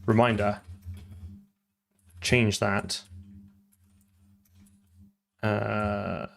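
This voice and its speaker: A man's voice: fairly low pitch, flat delivery, extremely slow, creaky. A man live-streaming his programming, talking through code and answering chat, often trailing off and repeating words.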